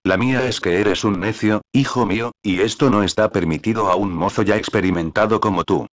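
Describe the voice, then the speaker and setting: A man's voice: fairly low pitch, fairly quick, close to an everyday voice. A man voicing a bitter, scheming old nobleman who mocks and scolds his son. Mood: scornful. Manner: scolding, mocking.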